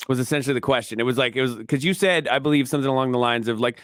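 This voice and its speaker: A man hosting a radio money show, easygoing and quick to laugh, reading listener questions and plugs. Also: mid-range voice, smooth, no echo, clean studio sound. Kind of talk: casual radio talk.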